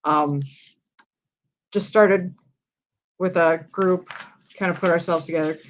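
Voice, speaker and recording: A paranormal investigator from Iowa, USA, joins a livestream as a guest over a video call, chatting in an easygoing way with short replies and frequent laughter. Her fairly low voice is steady and slow. The audio is poor, with slight background noise.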